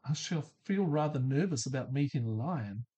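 A man voicing a nervous young girl from a storybook, reading her lines slowly and hesitantly. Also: medium pitch, lively intonation, warm tone, husky, highs cut off.

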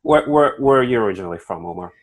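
Deep-voiced male podcast host. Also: lively intonation, breathy edge, poor audio. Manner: measured, with many "um" pauses. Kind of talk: podcast interview hosting.

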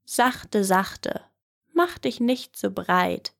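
A cocky young man from a storybook who is never afraid talks boldly and offhandedly, voiced by a woman narrating. His lines come slowly, with a gravelly texture in the voice. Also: mid-range voice, lively intonation, heavily acted. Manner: bold, offhand and unimpressed.

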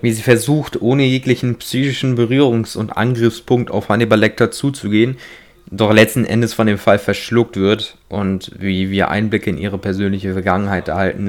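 Low-voiced man reviewing films. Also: steady tone. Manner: measured, analytical, evaluative delivery. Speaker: film reviewer on his own channel. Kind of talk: scripted film review narration.

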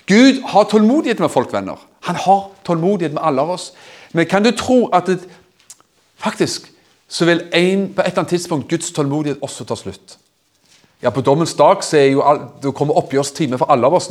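A man preaching a sermon, retelling a scripture story in his own words, lively and conversational, acting out the characters. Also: a little high.

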